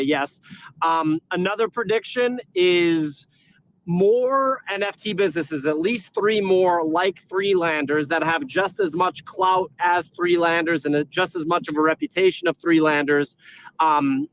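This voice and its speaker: A man with a slightly high voice rattles off bold predictions in brash, numbered order. His sound comes over a remote call with faint noise behind it, and it keeps dropping out in patches. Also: fairly bright tone, low-quality recording. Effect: audio keeps cutting out. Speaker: co-host making predictions. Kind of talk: casual live-stream panel talk.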